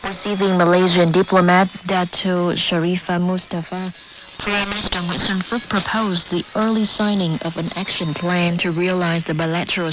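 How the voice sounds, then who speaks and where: A woman newsreader delivers a formal bulletin in a crisp, scripted manner, her fairly low voice coming through a shortwave radio broadcast laced with static.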